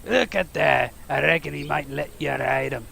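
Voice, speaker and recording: Hagrid, a very gravelly, hearty gamekeeper. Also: male voice, a little high, moderate pace, a bit bright, slight background noise. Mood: pleased, encouraging. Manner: folksy, rustic, encouraging. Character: big hearty gruff gamekeeper teaching class, eager, protective.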